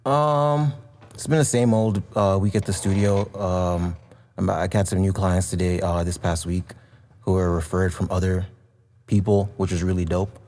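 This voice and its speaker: A low-pitched man with a mellow, dark tone rambles easily through casual podcast chat. He is from Canada, loose and unhurried with many fillers. His voice trails into a long reverb. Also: fairly even intonation. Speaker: podcast co-host and studio owner.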